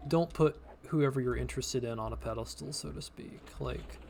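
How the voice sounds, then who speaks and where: A man's voice: mid-range voice, normal speed, vocal fry, darkish tone, a little hiss or hum. A man in his thirties chatting casually while playing a game, earnest and rambling, drifting into life advice. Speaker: podcast co-host playing a game. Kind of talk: casual chat while gaming.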